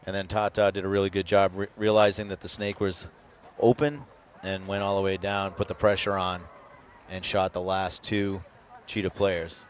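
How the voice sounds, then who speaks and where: Low-voiced man calling paintball play-by-play. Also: normal speed. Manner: calm, analytical, recaps plays. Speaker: paintball commentator. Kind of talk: live play-by-play commentary. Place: outdoors at a paintball field. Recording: noisy outdoor event.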